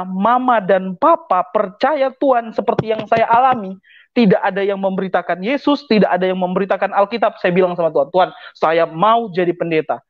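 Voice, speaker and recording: A man's voice: high voice, no echo. A man tells his personal testimony in earnest, acting out the voices of the people in his story. The sound is dry and somewhat dull, like a lo-fi recording.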